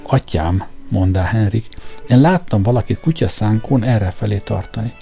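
A man reading a hard-faced young ex-convict son in a storybook, blunt and conspiratorial, with a dark voice. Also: fairly low pitch, gravelly, faint music behind.

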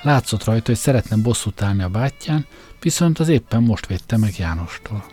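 A man's voice: on the low side, animated, dark tone. A man narrating an audiobook in the first person, with wry, conversational storytelling.

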